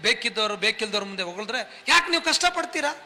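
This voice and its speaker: A man, a pastor, preaching a sermon in short phrases with calls of hallelujah and amen, paused for an interpreter. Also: high voice, expressive, pushed and bright. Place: church hall. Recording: echoey church hall, faint room noise.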